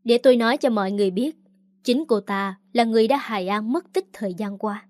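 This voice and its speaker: Woman reading cold young man, contemptuous, cutting, high-ish voice, dry sound. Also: a little fast, darkish tone, no room sound, close to an everyday voice. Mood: scornful.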